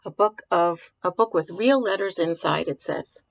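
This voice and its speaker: A woman with a lowish, creaky voice reads a picture book aloud to little children at normal speed, with no echo. Her informal commentary includes questions, musings, and simple explanations.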